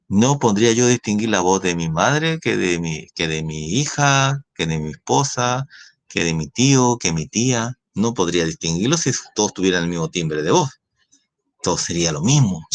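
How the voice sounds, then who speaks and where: A man with a Chilean accent, a science teacher explaining a lesson and often checking in with tag questions. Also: fairly low pitch. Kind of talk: recorded class lecture.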